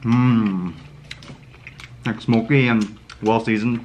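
A man's voice: lowish voice, steady tone, slow pace, a little hiss or hum. Man talking with a mouth full of rib. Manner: eager, exclaiming over food. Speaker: food vlogger. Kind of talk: casual food-tasting chat. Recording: music playing loudly behind.

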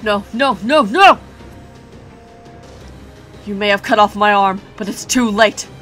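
A woman's voice: mid-range voice, flat delivery, normal speed, fairly bright tone, soft background music, close to an everyday voice. A woman voicing a raging, defiant fire giant king from a game, in a bellowing, theatrical villain manner. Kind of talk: game dialogue read aloud in character.

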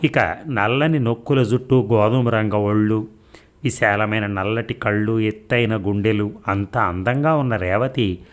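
A man narrating an audio story in a steady, measured reading. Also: lowish voice.

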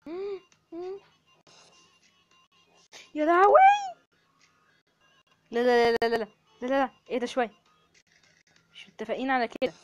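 A woman with an Egyptian accent giving excited commentary over her gameplay, full of exclamations and quick prayers. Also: fairly high pitch, faint music behind. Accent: Egyptian Arabic. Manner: excitable, frequent exclamations and prayers under pressure. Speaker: gamer.

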